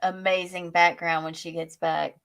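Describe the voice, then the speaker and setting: A woman hosting a casual livestream, animated and giggly, with "like" in almost every sentence. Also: lowish voice, normal speed, gravelly. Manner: giggly, animated, says "like" often. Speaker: host.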